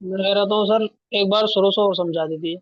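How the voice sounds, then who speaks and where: A man's voice: high voice, fairly even intonation, a little fast, no echo, lo-fi sound. A male student in an online class, politely asking the teacher as "sir" to go over the material again.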